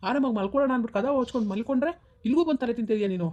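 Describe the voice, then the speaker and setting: A woman's voice: a little high, a little mellow, muffled recording, natural voice. A woman playing a snappish, irritable young husband. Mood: irritated. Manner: snappish, scolding, quick-talking. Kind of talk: village comedy skit.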